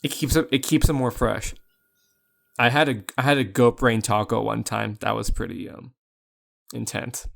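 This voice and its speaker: A man's voice: mid-range voice, steady tone, moderate pace, gravelly, fairly bright tone. A young man co-hosting a podcast, chatting casually and telling rambling jokey stories full of restarts. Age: young adult. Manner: rambling, joking storyteller with many restarts. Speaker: podcast co-host. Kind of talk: casual chat.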